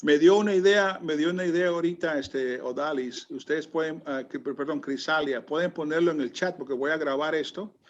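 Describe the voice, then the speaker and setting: Over muffled, lo-fi video call audio, a man leads an online Bible class, lecturing and calling on students chattily with many fillers and restarts. His fairly high voice is brisk and fairly even, with few pauses and slight background noise.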